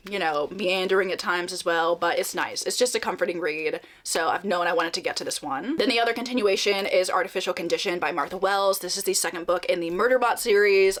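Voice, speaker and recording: Chatting casually on her reading vlog, a young woman sounds upbeat and laughs often. Her voice is lowish and a bit bright, with a slightly nasal quality from a mild cold.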